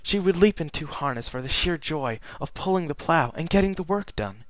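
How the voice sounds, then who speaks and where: A man's voice: a little high, animated, a little fast, no echo, pitched above the performer's own voice, natural voice. A man voicing a regal, sorrowful immortal pony princess, reading her letter in a solemn, earnest way. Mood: solemn, wistful. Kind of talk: fan fiction reading.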